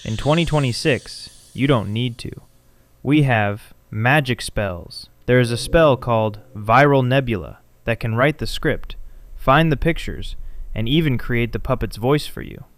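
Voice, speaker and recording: Guy reading as a wise shaman teaching, mid pitch, confident and emphatic, storybook style. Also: measured pace, natural voice. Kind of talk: scripted storybook narration.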